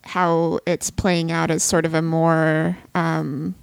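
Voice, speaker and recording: A woman's voice: low-pitched, level tone, slow pace, creaky, clear, resonant tone, no room sound. A woman co-hosting a casual podcast, talking hesitantly with many fillers. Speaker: podcast host. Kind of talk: casual chat.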